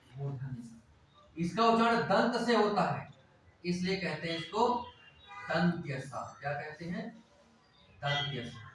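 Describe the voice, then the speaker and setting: A man's voice: fairly high pitch, pushed and bright, distant mic, slight background noise. A man teaching a class, explaining step by step and asking questions that he answers himself. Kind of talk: classroom lecture. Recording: echoey room, voice off-mic.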